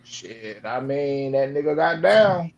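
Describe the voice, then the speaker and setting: A man's voice: mid-range voice, expressive, takes it slowly. A man in heated casual sports banter, combative, slangy and heavily profane, recorded on dull lo-fi audio.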